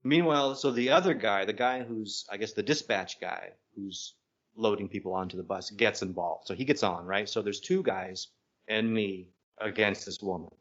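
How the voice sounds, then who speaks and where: A man's voice: on the low side, moderate pace. Man telling a story, dull lo-fi sound. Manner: animated, self-interrupting anecdote telling. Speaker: podcast co-host. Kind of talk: casual storytelling.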